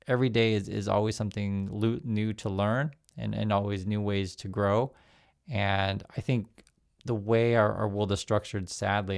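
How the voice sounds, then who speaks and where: With a low-ish voice and vocal fry, a news commentator in his fifties, born in Vietnam and brought up in the USA, chats casually about current events in a vlog. He reads articles aloud and adds his own remarks, often using fillers and restarting sentences.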